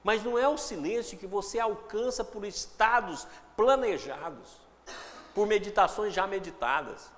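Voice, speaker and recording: A man's voice: high voice, moderate pace, a bit bright, big-room sound, slight background noise. A man giving a reflective spiritual talk with a Brazilian Portuguese accent, acting out inner dialogues in shifting voices. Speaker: spiritual teacher.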